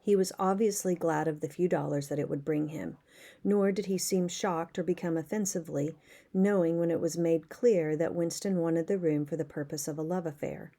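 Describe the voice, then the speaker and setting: A woman reading a novel aloud, pausing now and then to explain words and events in plain terms. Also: lowish voice, fairly even intonation, warm tone. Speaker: audiobook reader.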